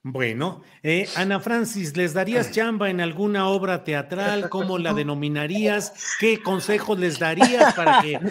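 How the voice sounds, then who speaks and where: A Mexican man hosts a talk show, opening the segment and handing off to each panelist in a conversational way. His voice sits a little high for a man. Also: animated, moderate pace, few pauses, a crowd in the background. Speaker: host.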